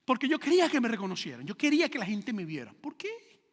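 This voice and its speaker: A middle-aged male pastor preaching a sermon, animated, asking his listeners rhetorical questions and acting out stories. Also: high-pitched, rapid-fire, big-room sound. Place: church sanctuary.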